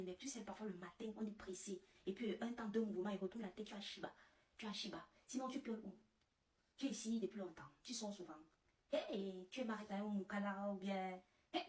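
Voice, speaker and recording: A woman's voice: mid-range voice, darkish tone, recorded from a distance, close to an everyday voice. A woman voicing a chatty man flirting with a woman at work, mixing English words into his French. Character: smooth-talking Cameroonian man flirting at work. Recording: roomy, away from the mic.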